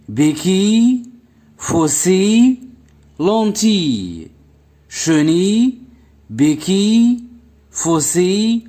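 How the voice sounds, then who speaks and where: A man teaching a phonics lesson, repeating each word slowly and clearly and switching between French and Arabic. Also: fairly high pitch, darkish tone. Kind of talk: slow, repetitive phonics lesson.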